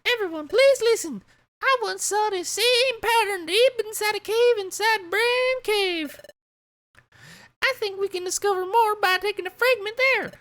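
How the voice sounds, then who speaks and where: A woman voicing a cheerful, childlike guild leader who makes high, bubbly announcements to a crowd of explorers. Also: a little slow, a bit bright. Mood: rallying.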